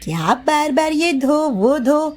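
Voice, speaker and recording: A woman's voice: high-pitched, animated, takes it slowly, darkish tone, voice pushed up. A woman voicing a lazy, scheming young daughter-in-law in a storybook, sweet-talking and dismissive. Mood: lazy grumbling. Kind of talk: storybook voice acting.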